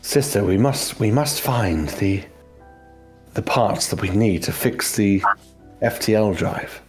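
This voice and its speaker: A man's voice: fairly low pitch, lively intonation, slow, a little mellow, soft background music. A man voicing an earnest engineer character urging a sibling in a tabletop game. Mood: urgent.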